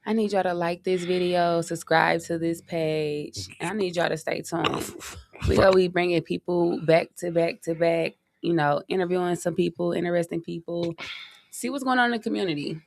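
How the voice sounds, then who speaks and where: Gravelly teasing woman co-host. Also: lowish voice, steady tone, moderate pace, slight background noise. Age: 30s. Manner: loud, playful, teasing, laughs often. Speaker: podcast co-host. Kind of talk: casual chat.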